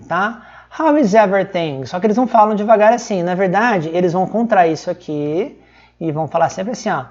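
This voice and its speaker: A woman's voice: lowish voice, dark tone. Woman, Brazilian accent, chatty English teacher, casual lesson, slightly dull lo-fi recording. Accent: Brazilian Portuguese. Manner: chatty, fills lines with "tá?" and "ó".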